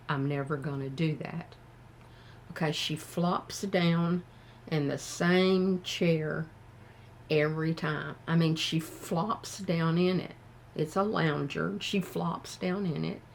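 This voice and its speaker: An older woman with a Southern US accent gives frank, plain-spoken advice to her viewers, talking slowly and thoughtfully. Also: fairly low pitch, gravelly, slight background noise. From American South. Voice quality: slow and thoughtful. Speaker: vlogger. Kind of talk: casual advice talk to camera.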